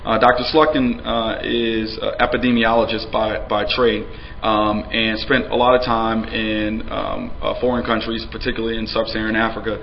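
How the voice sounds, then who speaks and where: A man, speaking earnestly to a conference audience and pausing on frequent "uh"s and "um"s. His voice sits fairly low. The recording is dull with a faint hiss behind it. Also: level tone, creaky. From New Orleans, USA. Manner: frequent fillers, earnest, conversational. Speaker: city official giving a presentation. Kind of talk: conference presentation.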